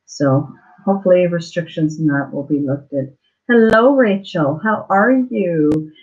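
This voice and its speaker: A lower-pitched woman chatting casually on a livestream in dull, lo-fi sound. Her mouth is swollen from dental surgery, so she talks a little thickly, with a halting, apologetic manner as she welcomes viewers. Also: a little mellow. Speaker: livestream host. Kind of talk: casual live chat greeting viewers.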